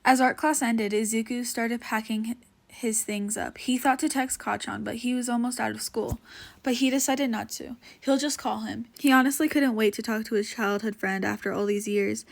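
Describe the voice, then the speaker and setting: A woman's voice: on the high side, normal speed, gravelly. A woman reading a fan story aloud in a casual, unpolished way with small slips. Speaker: reader.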